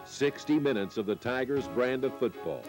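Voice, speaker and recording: An American man reading scripted sports highlight narration in measured, dramatic phrases with pauses. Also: expressive, music in the background.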